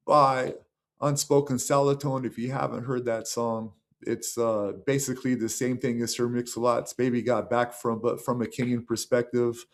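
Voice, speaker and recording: An American man talking casually to his camera in a rambling way, with many fillers and restarts. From United States. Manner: acts out the voices of others in a raised pitch. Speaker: vlogger.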